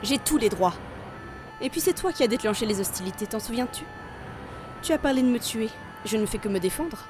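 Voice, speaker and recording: A woman's voice: on the high side, expressive, a little fast, music in the background, close to an everyday voice. A woman playing a coldly mocking seductress. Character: cruel, mocking seductress who wants her lover dead.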